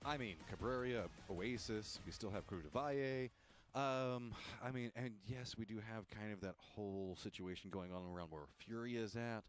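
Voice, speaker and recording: Low-voiced man doing match analysis. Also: moderate pace. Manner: joking, uses lots of "like" and "I mean". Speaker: esports color commentator. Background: music.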